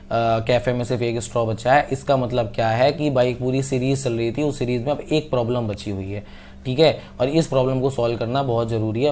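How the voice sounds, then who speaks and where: Young man, exam coaching teacher, chatty, casual, slows down on example sentences. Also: medium pitch, a little mellow, slight background noise. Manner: chatty, addresses viewers as bhai sahab, slow when reading English examples. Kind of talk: online English idioms lesson.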